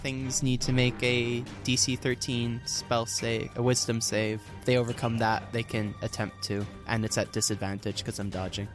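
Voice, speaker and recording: A man's voice: mid-range voice, flat delivery, normal speed, few pauses, over music. A man playing a tabletop game who explains the rules matter-of-factly. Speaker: player.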